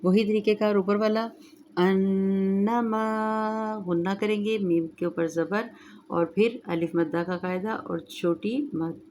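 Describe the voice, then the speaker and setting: A woman teaching Quran recitation rules, chanting verses slowly and then explaining each rule calmly, with an Urdu accent. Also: lowish voice, slight background noise. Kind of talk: tajweed lesson, slow recitation then explanation.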